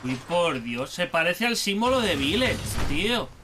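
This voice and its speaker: A man's voice: high-pitched, big pitch swings, unhurried, background noise. A young man with a Spain Spanish accent giving chatty, exclamatory let's play commentary while talking to himself. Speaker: gaming YouTuber.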